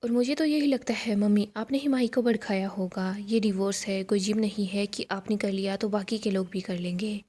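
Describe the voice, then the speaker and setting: A woman voicing a hot-tempered grown son who taunts and bullies his family, in a mellow voice. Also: medium pitch, steady tone, normal speed, few pauses, natural voice. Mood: mocking. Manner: taunting, scolding.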